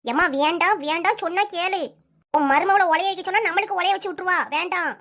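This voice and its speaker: A woman voicing a bedridden, sharp-tongued old mother-in-law in a comic cartoon, nagging and scolding in a Kanyakumari Tamil accent. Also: very high-pitched, fast talker.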